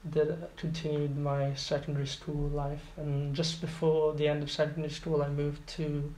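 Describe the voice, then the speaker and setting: Speaking at normal speed, this Iraqi interview guest in his twenties has a fairly high pitch, a darkish tone and an entirely flat delivery. The casual interview finds him hesitant, full of fillers and restarts, amid roomy echo and faint background noise.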